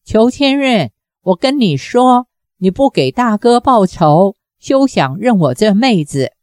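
A woman's voice: medium pitch, sing-song, slow, no echo, studio quality. A woman voicing a bitter, vengeful old woman who berates and demands revenge in a raised voice. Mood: fierce. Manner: shouting harsh reproaches.

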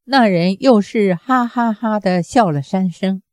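Slow, mellow woman narrating a novel. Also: mid-range voice, dry recording, studio quality. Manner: even, measured storytelling. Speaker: audiobook narrator. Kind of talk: novel reading, steady narration.

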